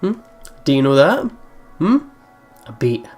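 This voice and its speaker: In a highish, sing-song voice with a darkish tone, a man reads a visual novel at a measured pace. His let's play commentary is playful and chatty, often repeating words, while game music plays.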